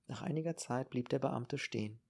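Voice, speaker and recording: A man reading an audiobook in a calm, measured narration. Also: mid-range voice, creaky, slightly rough. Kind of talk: scripted narration.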